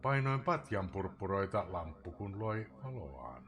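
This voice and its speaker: Male streamer reciting verse with theatrical swings from loud to whispered; low-set voice. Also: big pitch swings. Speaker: live streamer reading a poem. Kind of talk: dramatic poetry recitation.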